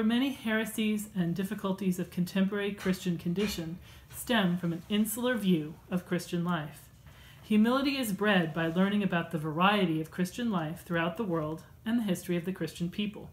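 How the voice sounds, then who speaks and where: A woman's voice: fairly low pitch, poor audio. Woman reading a church lesson. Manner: measured, earnest delivery with occasional fillers. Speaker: church class teacher. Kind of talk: reading prepared lesson notes. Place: home room with bookshelves.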